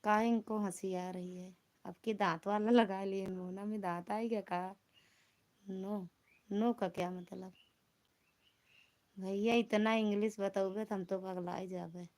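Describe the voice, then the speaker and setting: Awadhi village woman, live-stream host, slow teasing banter, mid pitch. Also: fairly even intonation, darkish tone. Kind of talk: casual live chat reading comments.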